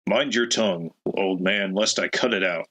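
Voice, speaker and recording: A man's voice: deep voice, moderate pace, a bit bright. A man voicing a stern, threatening male guard officer who talks in a sneering way. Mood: menacing. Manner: menacing, sneering.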